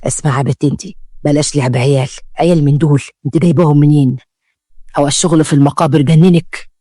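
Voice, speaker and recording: A mistrusting old Egyptian shopkeeper, gruff and prying, read by a storyteller. Quick speech, dry close sound. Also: mid-range voice, steady tone, warm tone, no echo, natural voice. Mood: suspicious. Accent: Egyptian Arabic. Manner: suspicious and mistrusting. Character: suspicious old male grocer, gruff.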